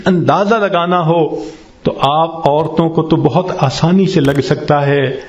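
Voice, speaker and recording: A man preaching a sermon, telling a moving story with dramatic rising emphasis. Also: on the high side. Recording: echoey lo-fi sermon recording.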